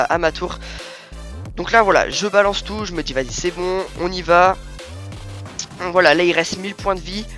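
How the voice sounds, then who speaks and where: A man's voice: on the high side, pushed and bright. A man casually commenting over a video game as the host, often repeating himself and leaning on verbal tags.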